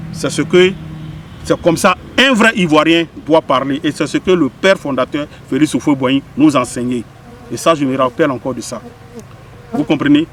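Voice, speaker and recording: Preachy Ivorian man, faint street noise. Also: fairly high pitch. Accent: Ivorian French. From Ivory Coast. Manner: preachy, repeating and questioning the listener. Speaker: spiritual medium giving a public message. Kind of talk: impassioned direct-to-camera address.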